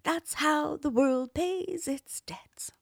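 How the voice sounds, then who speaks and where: A woman's voice: slow pace, gravelly, dry recording, studio quality, exaggerated voice. A woman voicing a worn-out, lame old male workhorse, bitter about his fate, in a whispered storybook reading. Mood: weary. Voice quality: whispery, pitched high.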